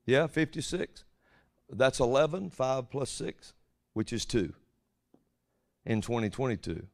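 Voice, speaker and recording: A male preacher delivers an informal sermon on prophecy. His talk is folksy and rambling, sitting at a medium pitch. He often stops to put a rhetorical question to the people listening before carrying on. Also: lively intonation, unhurried.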